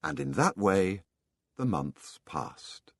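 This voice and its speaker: A man narrating an audiobook in a calm storytelling manner. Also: low-pitched, slow, no room sound, clean studio sound.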